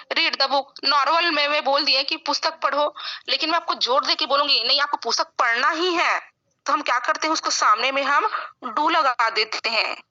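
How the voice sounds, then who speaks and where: A woman's voice: sits high, pushed and bright, dull audio. A woman teaching English grammar in an online class, explaining rules step by step and often checking in with her students.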